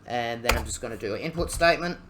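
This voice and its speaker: A young Australian man walks through a bit of code at a middling pitch, stopping often for ums and throwing in cheeky jokes along the way. Faint room noise sits behind him, with keyboard typing now and then. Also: expressive. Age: young adult. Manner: halting, many ums, jokey asides. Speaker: student teaching coding. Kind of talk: casual screen-recorded coding tutorial.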